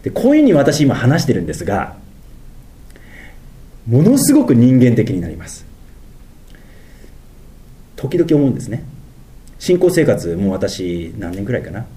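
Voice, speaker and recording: Lively-pitched Japanese preacher with a Tohoku accent. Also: male voice. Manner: swings between lofty, drawn-out preaching and quick, mumbled asides. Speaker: pastor. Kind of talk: sermon.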